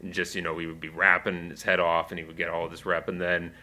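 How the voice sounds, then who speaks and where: This low-pitched man talks at a quick pace as he hosts a community radio show, where he also coordinates the music. He chats casually and rambles in a relaxed way, full of fillers and asides.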